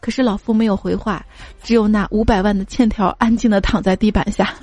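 A woman's voice: medium pitch, fairly even intonation, a little fast, darkish tone, a little hiss or hum. A woman hosting a comedy podcast, reading listener jokes in a chatty, playful way and acting out the quoted lines. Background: faint background music.

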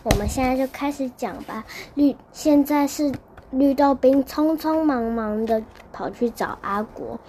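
A woman narrating a bedtime story for children, gentle and addressing the little listeners. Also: high-pitched, a little slow, slight background noise.

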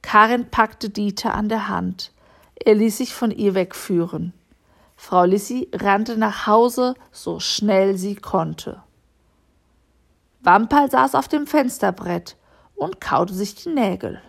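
A woman calmly narrating a children's storybook chapter. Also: mid-range voice, slow, gravelly. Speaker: audiobook reader.

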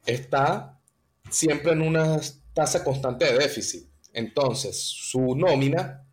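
A man explains finance in an interview, walking through each idea step by step. His voice sits in an ordinary middle pitch, and he builds his points patiently with examples. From Venezuela. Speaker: guest economist.

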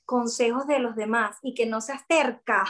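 A Venezuelan woman chatting as an interview guest, telling stories in an expressive, animated way and acting out what others said. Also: a little high, moderate pace. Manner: expressive, animated storytelling with quoted voices. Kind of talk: casual chat.

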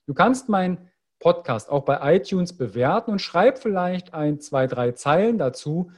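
With a fairly high-pitched but darkish-toned voice, this male health coach and podcast host delivers an upbeat promo intro before interviewing a guest.

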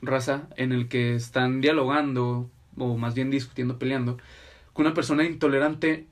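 A man's voice: mid-range voice, steady tone, normal speed. A young man with a Mexican accent chatting casually as a podcast co-host, explaining things in slangy, profane language. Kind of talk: casual chat.

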